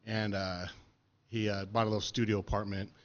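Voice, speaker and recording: A middle-aged man spinning stories on a podcast, easygoing and full of swearing and "you know"s. His voice sits fairly low. The audio is a bit dull and lo-fi. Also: little pitch movement, brisk. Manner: laid-back, profane, filler-heavy. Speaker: podcast interviewee. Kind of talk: casual storytelling chat.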